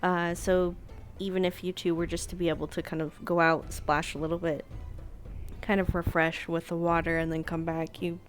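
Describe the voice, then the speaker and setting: A woman's voice: fairly low pitch, level tone, normal speed, soft background music. A woman player in a tabletop game, chatting loosely over a voice call with lots of fillers. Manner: loose and rambling, heavy on fillers. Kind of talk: casual chat during a tabletop game.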